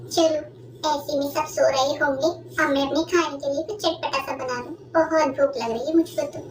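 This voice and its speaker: A woman's voice: sits high, steady tone, normal speed, a crowd in the background, natural voice. A woman voicing a hungry young daughter-in-law who talks nervously and fibs in a cartoon story. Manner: nervous, fibbing. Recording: echoey room, distant mic, noisy.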